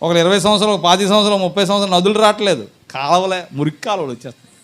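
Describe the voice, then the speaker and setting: Man preaching, really high voice, keeps asking the church questions then answering them himself. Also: rapid-fire, fairly bright tone. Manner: fires rhetorical questions at the congregation and answers them; acts out examples with a listener. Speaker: pastor. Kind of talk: sermon. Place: church service.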